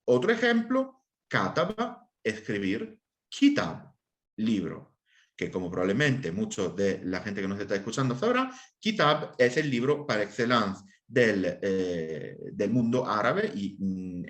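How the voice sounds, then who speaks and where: A man's voice: fairly low pitch, wildly swooping pitch, unhurried, few pauses. A man who is an assyriologist, explaining a lesson during an interview and checking in with his listeners often. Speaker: assyriologist lecturer.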